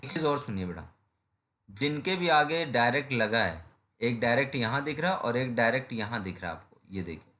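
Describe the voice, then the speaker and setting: A man's voice: mid-range voice, very animated, moderate pace, fairly bright tone. A man with an Indian accent giving an engineering lecture, explaining step by step and often checking whether his students follow. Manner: explains step by step, keeps asking "clear?", calls students "beta". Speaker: engineering teacher. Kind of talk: classroom lecture.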